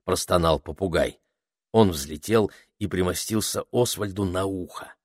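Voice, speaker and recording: A man's voice: low voice, unhurried, a little mellow, dry recording, studio quality. A man reading a children's story aloud as the narrator of an audiobook.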